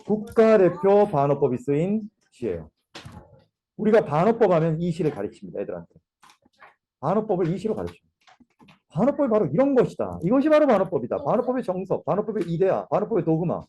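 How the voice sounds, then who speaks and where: Animated, husky-voiced literature teacher. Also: medium pitch, a little fast. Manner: playful, dramatic, repeats key terms. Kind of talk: classroom lecture with comic role-play. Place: academy classroom.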